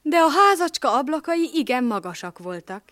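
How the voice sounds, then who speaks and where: Woman storyteller, expressive reading, lively voice, close dry sound. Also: sits high, no echo. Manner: expressive, dropping to a whisper for hushed scenes. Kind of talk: storybook narration.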